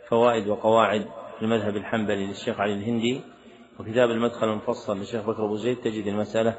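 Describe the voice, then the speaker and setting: A lecturing sheikh reads out written questions from students and answers each one quickly and firmly. His voice is low and flat, and he talks fast. The lesson recording sounds dull and lo-fi. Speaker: sheikh teaching a religious text.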